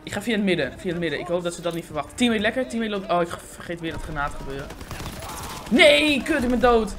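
A man giving live, excitable gameplay commentary, swearing often and talking in slang into a condenser microphone. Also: high voice, very fast, soft background music. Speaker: gaming YouTuber. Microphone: USB condenser microphone.

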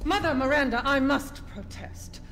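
A woman's voice: high voice, animated, normal speed, fairly bright tone. An actress voicing a haughty, snobbish aristocratic lady villain in a video game, with disdainful, formal delivery. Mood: haughty protest. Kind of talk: video game cutscene acting. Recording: long reverb, faint background noise.

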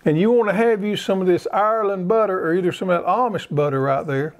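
A man's voice: high voice, fast. Folksy Southern man with a drawl. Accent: Southern American. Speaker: garden show co-host. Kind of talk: casual how-to chat.

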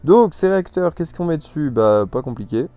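Rambling French gamer with a mellow voice. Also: male voice, fairly high pitch, expressive, normal speed, smooth. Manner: rambling and hesitant, many fillers and restarts. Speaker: gameplay commentator. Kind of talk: casual let's-play commentary. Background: soft background music.

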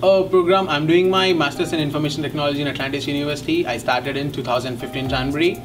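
A young man with an Indian English accent, a graduate student giving a rambling, halting testimonial with many fillers. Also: a little high, steady tone, noisy background. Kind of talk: testimonial interview. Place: indoor studio set. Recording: distant mic, background music.

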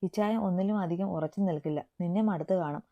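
A woman's voice: lowish voice, fast, lightly acted. A woman voicing a spiteful young woman who sneers at a coworker in a story reading. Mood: sneering. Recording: tinny phone-like sound.

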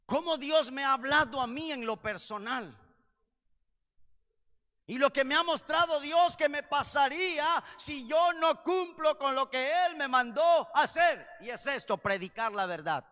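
A man preaching a sermon with passion, swinging between loud cries and low, intense passages. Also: unhurried. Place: church. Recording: long reverb of a church hall.

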